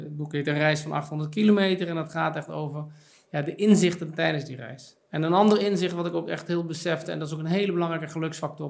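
A middle-aged man, an author appearing as a podcast guest, speaks in a slightly high, creaky voice. Recorded in a podcast studio, he reflects casually, using lots of fillers and repeating words.

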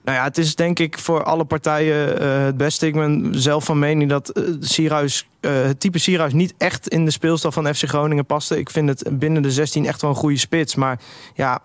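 A man weighing in as a football pundit on a live chat show, measured and hedging his opinions. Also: a little high, fairly even intonation, clean tone, no echo, studio quality. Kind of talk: casual live broadcast chat.

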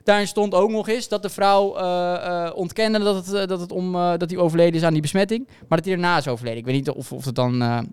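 A man co-hosting a casual podcast, ranting indignantly with many halting restarts. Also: high voice, clean tone. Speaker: podcast co-host. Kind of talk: casual chat.

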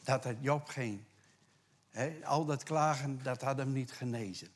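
A man preaching a sermon to a congregation, conversational and animated, dropping to hushed whispers for scripture and rising to loud emphatic bursts. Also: medium pitch, measured pace. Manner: conversational asides with tag questions. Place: church.

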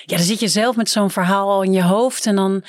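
A woman author from the Netherlands, a podcast guest talking casually and brightly. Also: a little fast, no room sound. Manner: lively, quotes texts in a higher playful voice.

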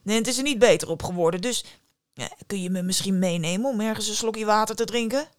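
A woman's voice: mid-range voice, fast talker, no room sound, studio quality, natural voice. A woman doing a thirsty, offhand hanged man. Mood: casual.

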